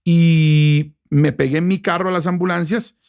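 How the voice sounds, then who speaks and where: A middle-aged man with a Bogotá Colombian accent, a radio journalist telling a personal story in an interview, emotional and animated, with many restarts. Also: fairly high pitch, a little slow, vocal fry. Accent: Bogotá Colombian Spanish. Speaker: radio journalist and station director.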